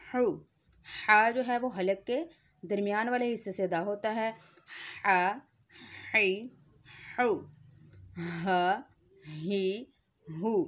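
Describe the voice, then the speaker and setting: A woman teaching Quran recitation, drilling letter sounds one by one and patiently explaining where each is formed. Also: mid-range voice. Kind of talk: slow tajweed lesson with repeated syllable drills.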